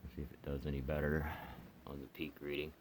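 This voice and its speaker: A fast-talking man with an extremely low voice gives a casual product demonstration as a hobbyist reviewer, muttering plainly to himself as he works. It's an amateur home video with constant background noise.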